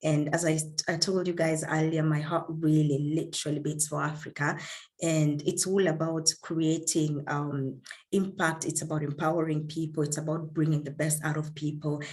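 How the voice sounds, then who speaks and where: A woman from Kenya gives an online leadership talk over a video call, earnest and warm, with many fillers and repeated words. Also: low-pitched, flat delivery, normal speed. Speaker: guest speaker.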